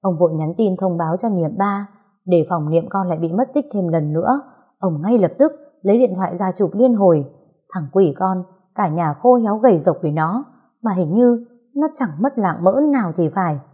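A woman reading a story aloud as narrator, lively and expressive. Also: lowish voice, moderate pace, breathy edge.

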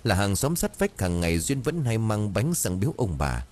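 A man's voice: lowish voice, big pitch swings, moderate pace, darkish tone. A man narrating a dramatic audiobook story.

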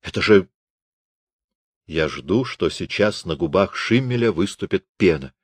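Low-voiced man narrating an audiobook. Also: animated, normal speed, husky, no echo. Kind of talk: scripted narration.

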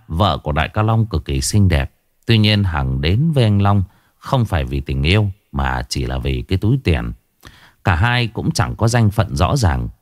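A man narrating a ghost story in an expressive storytelling way. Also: sits low, no echo, clean studio sound.

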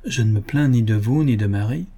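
A man's voice: mid-range voice, fairly quick, dark tone, breathy edge. A man voicing a haughty, scheming aristocratic mother who talks in a sugary, insistent, lofty tone, reading an audiobook novel. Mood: lofty, stern.

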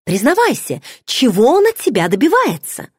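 A woman's voice: high voice, huge pitch swings, moderate pace, husky, no echo, clean studio sound, voice pushed up, heavily acted. A woman voicing a playful, nosy young pregnant friend who teases with pushy questions. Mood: teasing. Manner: teasing, bubbly, pushy questions.

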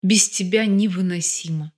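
A woman's voice: on the low side, moderate pace, darkish tone, natural voice. A woman reading an audiobook, voicing a confident husband who is mocking and flirtatious. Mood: pleading. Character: confident husband, smug and teasing.

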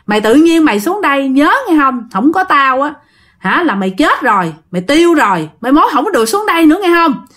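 A woman doing a gruff loving grandfather spirit. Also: high voice, sing-song, a little fast, a bit bright. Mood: gruff affectionate. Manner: gruff scolding, affectionate. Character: stern but loving old grandfather spirit.

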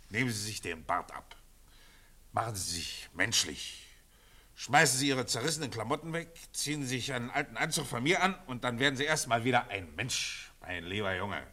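A guffawing, patronizing old colonel. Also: male voice, medium pitch, pushed and bright, exaggerated voice. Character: condescending jovial old colonel, laughing loudly. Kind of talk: 1940s radio drama acting.

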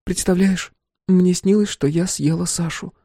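A man's voice: sits high, fairly even intonation, measured pace, warm tone, no room sound, voice pushed up. A man reading an audiobook gives voice to a fretful, teasing young wife, in a dry studio sound. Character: anxious, sharp-tongued young wife. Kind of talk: audiobook character voice.

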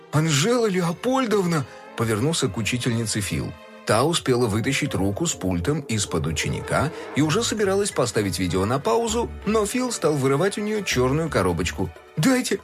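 A man narrating a children's storybook with expressive, animated delivery. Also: medium pitch. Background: faint music.

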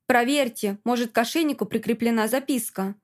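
A woman's voice: on the high side, fairly quick, natural voice. A woman reading an audiobook, voicing a stern, commanding man who gives curt, barked orders.

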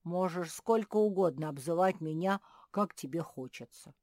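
A woman's voice: mid-range voice, animated, takes it slowly, a little mellow, no echo, clean studio sound, voice pushed up. A woman voicing a naive, innocent little bear cub in a storybook reading, with a puzzled, eager manner. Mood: cheerful.

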